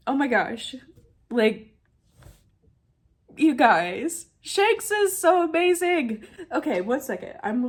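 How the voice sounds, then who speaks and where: A young adult woman casually recapping and reacting to a manga chapter, chatty and emotional, quoting characters in her own voice with many fillers. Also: mid-range voice.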